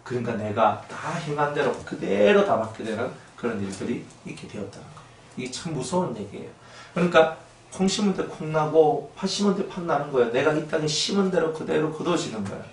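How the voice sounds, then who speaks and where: A male pastor delivering a sermon in an animated way, acting out the voices of people and raising his voice for emphasis. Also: fairly high pitch, a little fast, echoey room, recorded from a distance, slight background noise.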